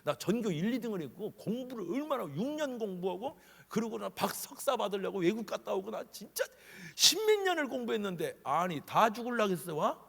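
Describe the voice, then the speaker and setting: A haughty male doctor rants in exasperated, rising bursts, as a preacher puts him on. His husky voice sits high and swings widely. A long church reverb trails each line. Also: very animated, a little fast, hardly any pauses, fairly bright tone, heavily acted. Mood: indignant. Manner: scoffing, rising, exasperated tirade. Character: arrogant, indignant male hospital doctor.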